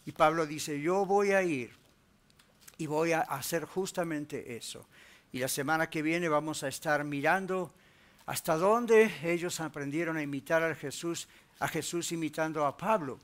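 A man with a fairly high voice preaches a sermon as pastor. He builds his points through rhetorical questions, then settles into a quieter tone to pray. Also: fairly even intonation, normal speed. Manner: rising emphatic preaching, rhetorical questions, dropping low and soft in prayer. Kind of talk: sermon with closing prayer.

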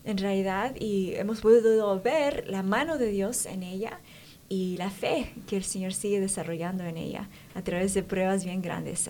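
Mujer presentadora, programa cristiano de testimonios, ruido de fondo leve. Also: female voice, medium pitch, a little hiss or hum. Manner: warm affirming interviewer, frequent "ujú". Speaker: host.

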